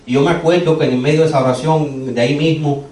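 A man's voice: fairly high pitch, steady tone, fast talker, a little mellow. Man preaching, earnest testimony, echoey hall, distant mic. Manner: earnest storytelling, grows urgent. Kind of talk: sermon, personal testimony. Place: church sanctuary.

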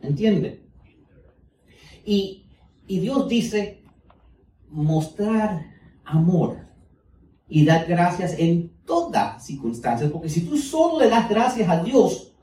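A man's voice: high voice, expressive, slow, long pauses, dark tone. A man, a preacher giving a folksy, joking sermon in the manner of a teacher. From United States. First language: English. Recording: roomy, distant mic, faint background noise.

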